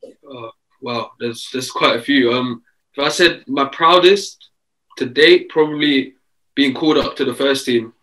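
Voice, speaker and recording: An eighteen-year-old man from England answering interview questions in a relaxed way over a video call, with plenty of fillers. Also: mid-range voice, a little slow, low-quality recording. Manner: relaxed, easygoing, many fillers. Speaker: footballer guest. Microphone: video call webcam.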